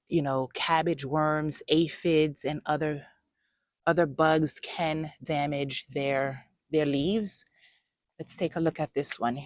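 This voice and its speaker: A woman's voice: sits low, no room sound, clean studio sound. A woman hosting a casual gardening vlog, chatting directly to viewers with frequent fillers. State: out of breath. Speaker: gardening channel host.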